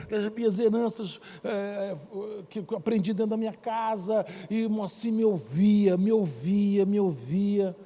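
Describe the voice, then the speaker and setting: A man from Brazil with a Carioca accent, preaching a sermon as a bishop in a church, telling stories dramatically and acting out the characters' shouts and soft pleas. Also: sits high, in a large hall. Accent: Carioca Portuguese.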